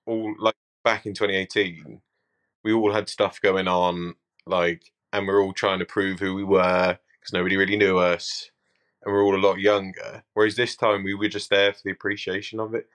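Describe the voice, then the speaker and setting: A man's voice: deep voice, little pitch movement, normal speed, fairly bright tone. A man on a robot-fighting team, rambling reflectively with many fillers in casual podcast chat. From United Kingdom.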